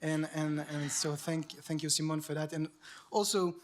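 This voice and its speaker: French man, slightly high and flat voice, halting award speech, lots of ums and restarts. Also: slight background noise. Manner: hesitant, many fillers and restarts. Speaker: award winner, journalist. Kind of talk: unscripted acceptance speech. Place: stage at an awards ceremony.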